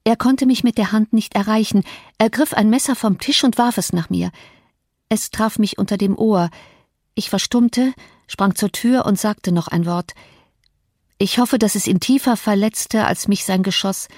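A woman narrating a literary audiobook in a measured, expressive way, lifting her voice for the quoted speech. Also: mid-range voice, no echo, clean studio sound.

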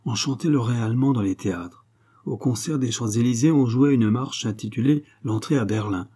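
A man narrating a classic novel as an audiobook in a measured, literary reading. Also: medium pitch, mellow, husky. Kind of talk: scripted narration.

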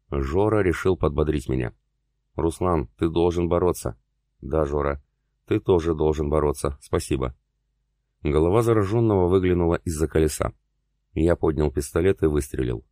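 Very deep-voiced male audiobook narrator. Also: mellow, no room sound, clean studio sound. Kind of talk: first-person scripted narration.

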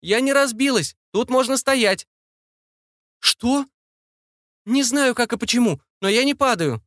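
A man's voice: expressive, measured pace, fairly bright tone, dry recording, clean studio sound, heavily acted. A man doing a shrieking panicked young woman. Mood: panicked shouting. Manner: high strained shrieks. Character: panicked young woman Inna, shrill and breathless.

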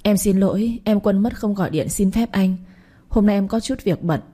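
A woman's voice: mid-range voice, moderate pace, dark tone, lightly acted. A woman reading a story aloud and voicing a worn-out young woman who is bitter and despairing. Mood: meek. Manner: bitter, exasperated.

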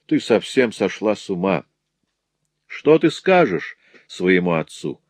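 A man's voice: deep voice, big pitch swings, takes it slowly, dry recording, full character voice. A man reading a story aloud, voicing a lecherous male master who mocks and threatens a young woman. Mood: sneering menace. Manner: sneering, taunting.

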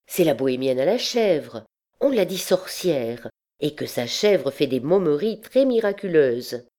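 A woman's voice: low voice, sing-song, a little slow, dark tone. Woman putting on a teasing young noble girl.

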